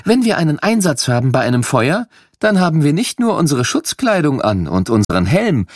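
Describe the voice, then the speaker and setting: A man's voice: a little high, very animated, fairly quick, no room sound, clean studio sound, pitched above the performer's own voice. A man voicing a female firefighter who patiently explains her protective gear to children, as in a children's storybook. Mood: explaining.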